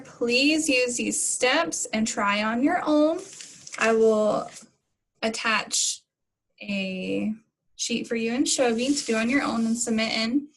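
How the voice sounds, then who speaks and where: Brief: woman teacher, higher voice, slow and patient recorded phonics lesson for kids. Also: low-quality recording. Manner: slow, patient, step-by-step explaining.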